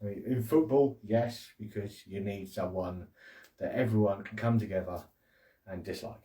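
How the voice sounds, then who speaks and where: A man's voice: lowish voice, normal speed, dark tone, echoey room, distant mic. A man hosting a casual solo podcast, rambling and joking, often laughing and acting out little quotes. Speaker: podcast host.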